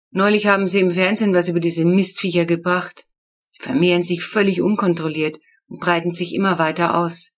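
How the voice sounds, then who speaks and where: A woman's voice: fairly low pitch, a bit bright, natural voice. A woman voicing a grumpy older male neighbor in an audiobook, ranting with self-satisfied bluster. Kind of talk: audiobook character reading.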